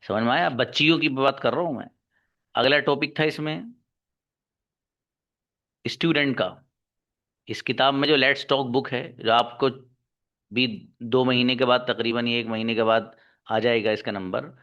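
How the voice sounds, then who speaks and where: A man's voice: mid-range voice, fairly even intonation, measured pace, pauses often, fairly bright tone. A male English teacher lecturing his class, scolding and exhorting his students to work hard. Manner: scolding, exhorting, calls students son and daughter. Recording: dull lo-fi recording.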